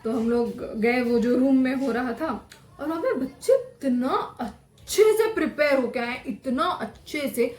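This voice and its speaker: A young woman vlogger telling a story about herself in a lively, animated, self-mocking way, casual and chatty. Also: high-pitched, measured pace. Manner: says her voice is normally loud. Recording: echoey room with faint ambience.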